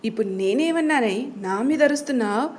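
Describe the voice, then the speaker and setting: Woman doing a gentle doting father. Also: on the high side, animated, fairly quick, natural voice. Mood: defending. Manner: soothing, indulgent.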